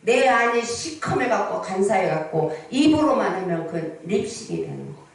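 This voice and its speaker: Expressive and medium-pitched, a woman pastor in her sixties preaches at a moderate pace, telling stories and repeatedly asking the congregation rhetorical questions. Her voice echoes around a large prayer hall and sounds distant from the mic.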